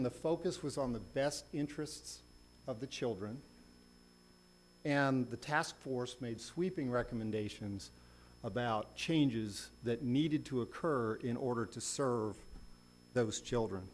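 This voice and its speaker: A man's voice: medium pitch, measured pace, low-quality recording. Male lawyer in formal argument, faint hum. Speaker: lawyer arguing an appeal. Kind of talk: formal courtroom oral argument. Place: courtroom. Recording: faint hum and background noise.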